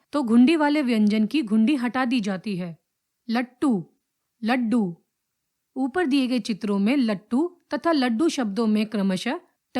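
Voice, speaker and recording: A woman teacher reading a grammar lesson aloud, spelling out example words one at a time in a slow, deliberate way. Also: fairly high pitch, a little mellow.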